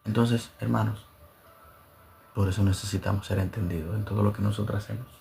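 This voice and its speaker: A man's voice: on the low side, fairly even intonation, brisk, creaky, warm tone, slight background noise. A man preaching a sermon as pastor, fervent and repeating phrases for emphasis.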